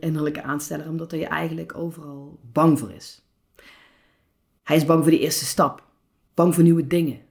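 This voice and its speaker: Woman coach doing a solo podcast, lowish voice, calm and thoughtful, a few ehms. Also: creaky. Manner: calm, reflective, with some filler hesitations. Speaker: podcast host and personal coach.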